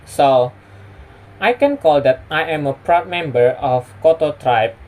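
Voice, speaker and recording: A man's voice: a little high, lively intonation, measured pace, a little mellow. Young Indonesian-accented man giving a presentation. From West Sumatra, Indonesia. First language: Indonesian and Minang. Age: young adult. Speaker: student presenter. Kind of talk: prepared personal presentation to camera.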